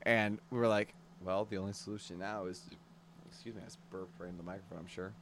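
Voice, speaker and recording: A young man telling a story on a podcast, animated and laughing, swearing often. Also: sits low, fast, slight background noise. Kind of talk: casual storytelling.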